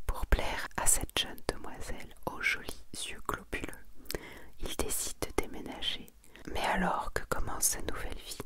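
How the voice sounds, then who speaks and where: A woman whispers slowly and softly in an ASMR video, presenting her manga collection. Her hushed, unhurried voice alternates between reading aloud and adding comments.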